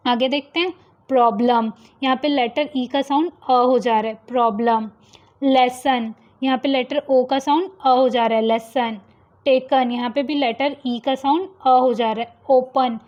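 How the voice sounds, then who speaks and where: A young woman teaching English pronunciation, repeating example words slowly to contrast wrong and right ways of saying them. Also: high-pitched, steady tone, darkish tone. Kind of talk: phonics lesson explaining pronunciation rules. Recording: slightly dull lo-fi sound.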